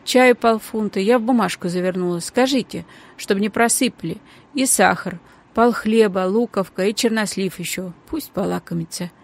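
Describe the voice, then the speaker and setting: A woman's voice: mid-range voice, normal speed, natural voice. A woman voicing a kindly, bustling peasant cook with folksy, old-fashioned rural speech in a storybook reading.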